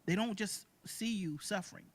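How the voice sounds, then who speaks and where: A woman in her forties, a singer and caregiver, chatting as an interview guest from a recording studio over a video call, animated and colloquial. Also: mid-range voice, moderate pace. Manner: expressive, animated, warm-hearted talk with colloquial phrasing. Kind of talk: casual interview talk.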